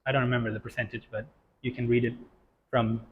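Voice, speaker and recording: A man co-hosting a casual podcast chat about coaching, agreeable and quick to affirm. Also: medium pitch, flat delivery, slight background noise. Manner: agreeable, frequent affirming backchannels. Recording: lo-fi audio in reverberant room.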